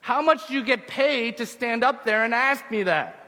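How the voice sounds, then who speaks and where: A man voicing a wry old rabbi who shouts witty questions up at a guard. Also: very high-pitched, normal speed, big-room sound, voice pushed up.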